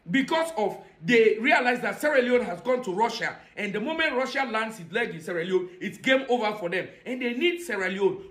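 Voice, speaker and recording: A man's voice: sits high, fairly bright tone. A man with a West African accent giving impassioned political commentary, emphatic and insistent, repeating phrases for rhetorical effect. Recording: echoey, reverberant room.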